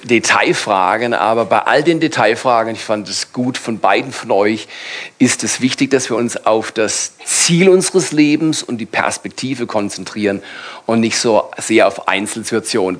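A man leading a church panel as pastor, calmly encouraging and exhorting the congregation in sermon style. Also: fairly low pitch.

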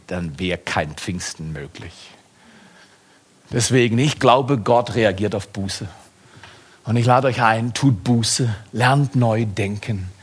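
Husky male preacher, lively and hushed by turns. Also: fairly low pitch. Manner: lively preaching with sudden rises and hushed drops. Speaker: pastor. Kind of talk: sermon.

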